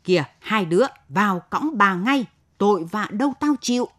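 A woman's voice: mid-range voice, animated, normal speed, close to an everyday voice. A proud, stubborn older village man, a teacher, read by a woman narrator speaks bluntly and commandingly. He orders people about with no room for argument.

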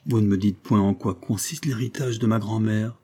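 A man reading aloud, voicing a girl of nearly twelve who speaks calmly, seriously and with odd formality, in a dark, husky voice. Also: on the low side, moderate pace. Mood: grave. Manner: calm, serious, oddly formal for a child.

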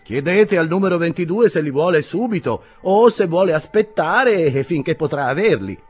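A cheeky young boot-boy, played by a male reader, answering back with dry wit. The voice sits higher and lighter than the reader's own. It carries a touch of sass. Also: expressive, moderate pace, husky, soft background music. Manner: cheeky, piqued.

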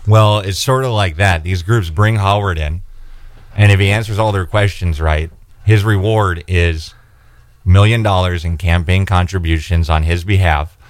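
A man's voice: low voice, no room sound. A man, a state senate candidate talking earnestly in a radio studio. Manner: earnest, measured, with fillers and restarts. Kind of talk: radio interview, campaign talk.

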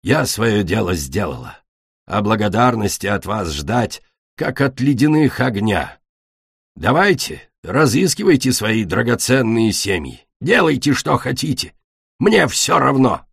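Brief: male narrator as a gruff, cold mother dragon, husky and low, dry close recording. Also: sing-song, a little slow, fairly bright tone, dry recording, heavily acted. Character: harsh, bitter adult female dragon, a mother.

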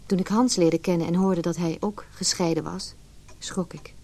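This actress's pitch is fairly low, her tone steady and darkish, her speed normal. She plays an anxious, wounded, introspective wife in a Dutch radio drama, a woman remembering how lonely her childhood was.

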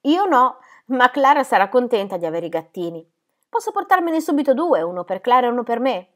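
A woman voicing an excited, eager little girl. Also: fairly high pitch, brisk, pitched above the performer's own voice.

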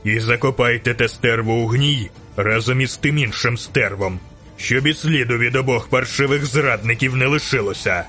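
A man's voice: mid-range voice, moderate pace, sharp tone, faint music behind, close to an everyday voice. A man voicing a ruthless male gang leader who barks orders and speaks with cold contempt, in an audiobook reading. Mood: cold, contemptuous.

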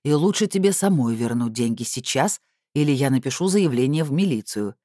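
A woman reading an audiobook, voicing a stern, sarcastic middle-aged man in a lowered, cold, hissing delivery. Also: lively intonation, brisk, warm tone, no echo, studio quality. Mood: menacing. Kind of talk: audiobook character voice.

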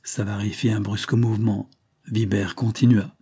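A man narrating a classic novel in a measured, calm storytelling manner. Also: fairly low pitch, creaky, husky. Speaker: audiobook narrator.

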